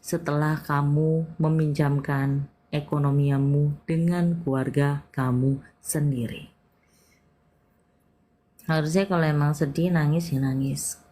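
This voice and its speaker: A woman's voice: deep voice, mellow. A woman palm reader giving a live-stream reading, talking intimately and emphatically, calling the listener "dear". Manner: intimate, calls the listener "sayang"; direct, emphatic counseling.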